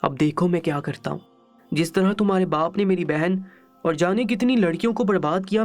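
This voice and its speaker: A man's voice: sits high, natural voice. A man voicing a scheming, vengeful young man in a storybook reading, with a taunting, menacing delivery.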